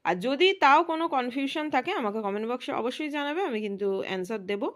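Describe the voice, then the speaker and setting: A woman teacher walks students through a grammar lesson in a casual, patient way. Her voice sits a little high and swings widely in pitch. She keeps posing questions and then answering them herself. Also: lively intonation, fast. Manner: explains step by step, asks and answers her own questions.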